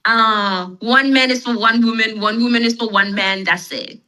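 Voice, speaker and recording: A woman's voice: fairly high pitch, steady tone, moderate pace, sharp tone, low-quality recording. A woman with a South African accent, a podcast guest explaining ideas in casual chat, full of "like" fillers.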